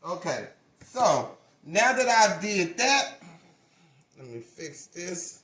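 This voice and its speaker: A woman's voice: on the low side, sing-song, slow pace, fairly bright tone. A woman in her forties giving a casual hands-on craft tutorial, chatty and folksy, often correcting herself mid-sentence. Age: 40s. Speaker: craft channel owner. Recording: roomy echo.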